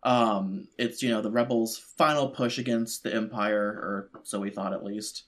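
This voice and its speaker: A man's voice: on the low side, fairly even intonation, normal speed. A man co-hosting a podcast who rambles in casual chat, full of "like" and "you know". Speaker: podcast co-host.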